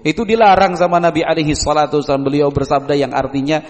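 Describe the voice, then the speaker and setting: A man's voice: a little high, steady tone, quick pace. A man preaching in a casual question-and-answer style, who acts out little dialogues between parents and children and asks his listeners rhetorical questions. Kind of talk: casual religious Q&A lecture. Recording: long hall reverb.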